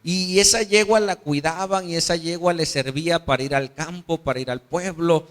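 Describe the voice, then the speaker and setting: A man's voice: on the high side, fairly even intonation, normal speed. A man preaching a sermon, conversational and storytelling, checking in with his listeners. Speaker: pastor.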